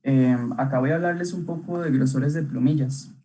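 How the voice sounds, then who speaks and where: A man's voice: mid-range voice, moderate pace, dark tone, a little hiss or hum, rough recording. A young man teaching an online illustration workshop, talking casually while he draws, with many fillers and checking questions. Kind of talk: live online drawing lesson.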